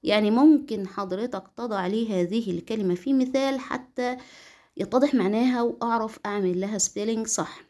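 A middle-aged woman with an Egyptian Arabic accent, explaining a lesson to children as an English teacher, patient and slow when she says English phrases. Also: on the high side, warm tone. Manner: patient, speaks English phrases slowly and clearly.

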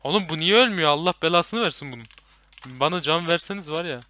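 A young man playing a horror game with a friend, commenting and swearing loudly at the enemies. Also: on the high side, animated, fast talker. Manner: loud, swearing, yelling at enemies. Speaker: gaming YouTuber.

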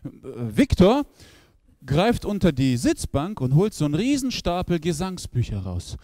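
Animated high-voiced male stand-up comedian. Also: unhurried, noisy background. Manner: animated, acts out characters in the story. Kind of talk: stand-up storytelling. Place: stage with no audience.

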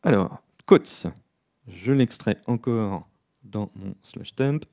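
A man giving a live coding talk at a conference, relaxed and self-deprecating, with many fillers. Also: fairly low pitch, takes it slowly, creaky. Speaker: conference speaker. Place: conference room.

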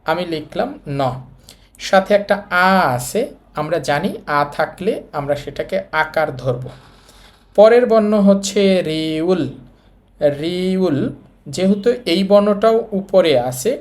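A man's voice: a little high, darkish tone. A man with a Bangladeshi Bengali accent teaching a language lesson, walking viewers through each letter patiently and repeating key points as he writes them out. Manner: patient, repetitive, addresses viewers directly. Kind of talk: step-by-step lesson explanation.

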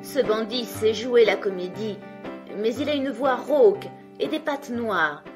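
A woman's voice: fairly high pitch, a little slow, over music, lightly acted. A woman as a caring old mother goat. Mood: warning. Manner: gentle, warning.

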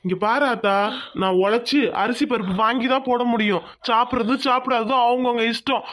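A woman's voice: a little high, steady tone, fairly bright tone, lightly acted. A woman doing a stern, proud village farmer. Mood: defiant. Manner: stern, demanding, slow. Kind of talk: cartoon voice acting.

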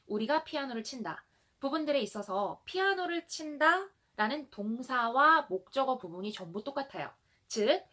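A young woman teaches a grammar lesson with a fairly high voice and a lively, swinging intonation. She explains each point patiently and reads model sentences slowly for learners to repeat. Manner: clear explanatory teaching with slow drilled example sentences. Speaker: English teacher.

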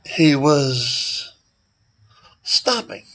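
Here a man of around sixty records a rambling selfie vlog on a handheld phone held out at arm's length, standing outdoors by a brick building. Still regaining a voice he nearly lost to illness, he talks casually and haltingly and often trails off. His voice is a little high and sharp, and he sounds very animated.

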